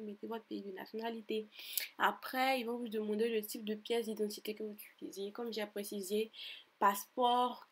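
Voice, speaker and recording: A young woman in her 20s from Côte d'Ivoire, with an Ivorian French accent and a husky mid-range voice, narrates a screen-recorded voice-over tutorial as a vlogger, walking through an online form. She is chatty and repeats herself, growing exasperated and emphatic.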